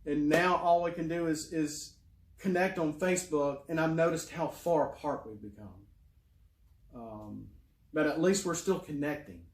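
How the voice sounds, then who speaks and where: A man's voice: a little high, measured pace, roomy sound. A middle-aged man rambling in a casual monologue, full of fillers and restarts. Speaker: YouTuber.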